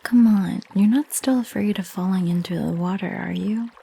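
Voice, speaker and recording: Woman as a breathy, flirty succubus, ASMR role-play. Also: medium pitch, moderate pace. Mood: playful, coaxing. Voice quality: breathy, soft. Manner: teasing, intimate, coaxing.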